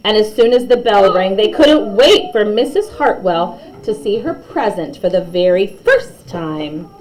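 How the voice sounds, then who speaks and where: Slow-paced woman reading a children's story. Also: medium pitch, poor audio. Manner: chatty asides to listeners, expressive character quotes. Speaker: storyteller reading a picture book aloud. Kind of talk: animated bedtime story read-aloud to children.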